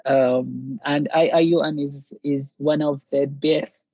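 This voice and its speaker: A man from Iraq answering interview questions in a casual, hesitant way, with many filler pauses. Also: mid-range voice, level tone, darkish tone, dry recording, lo-fi sound.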